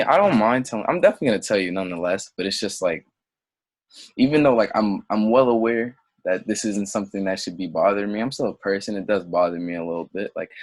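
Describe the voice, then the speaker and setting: Guesting in a relaxed interview, this young Senegal-raised man, whose native tongue is French, wanders in his answers, doubts himself, and then gets carried away in passionate digressions. His voice is deep and there's no room sound.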